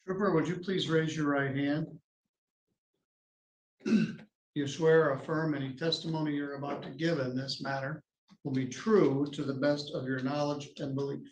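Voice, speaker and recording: A man presiding as judge over a court hearing, formal and measured, his voice going hoarse. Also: fairly high pitch, fairly even intonation, slight background noise. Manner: formal, measured legal phrasing. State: losing his voice. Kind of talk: courtroom proceedings. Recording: echoey courtroom audio.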